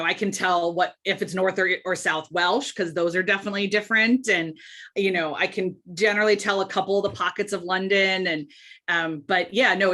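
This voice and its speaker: A woman from the United States, a guest on a podcast, talking in a chatty, animated way with quick asides and easy laughs. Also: on the low side. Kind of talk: casual podcast interview.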